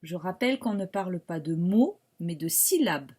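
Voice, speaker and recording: A woman primary school teacher with a French accent, giving a slow, patient syllable dictation in a remote phonics lesson, sounding out each syllable carefully. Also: fairly low pitch, lively intonation, dark tone.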